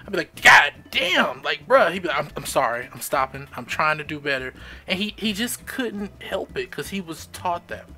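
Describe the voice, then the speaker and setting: A man's voice: on the high side, moderate pace, sharp tone. A man chatting casually on a live stream, telling stories in an emphatic, swearing manner. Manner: storytelling, emphatic, swears freely. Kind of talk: casual chat.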